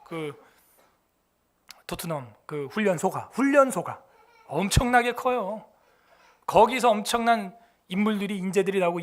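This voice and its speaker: A man preaching a sermon as a pastor in a church, animated and colloquial, firing off rhetorical questions. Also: sits high.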